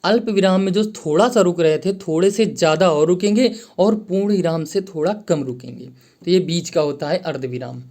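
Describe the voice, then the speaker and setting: Higher-pitched man teaching grammar. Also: darkish tone. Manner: repeats key phrases, addresses viewers as friends; slows down to read out example sentences. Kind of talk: Hindi grammar lesson.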